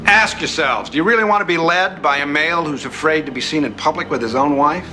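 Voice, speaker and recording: An actor playing a contemptuous rival for leadership, goading and rhetorical, in a television drama. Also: male voice, on the high side, quick pace, close to an everyday voice. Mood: taunting. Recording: music clearly behind the voice.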